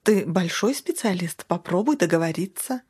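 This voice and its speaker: Lady doing a cool sarcastic young guy, lowish husky voice. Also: normal speed. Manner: dry, sarcastic, calm. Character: sarcastic, cool-headed young man stuck in a lift.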